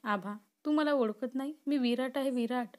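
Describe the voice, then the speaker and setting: Voicing a young man consumed by obsession and possessiveness, a woman reads a story in which he pleads and then turns threatening, all delivered intensely. She speaks high with a darkish tone, moderate pace and a light touch of acting.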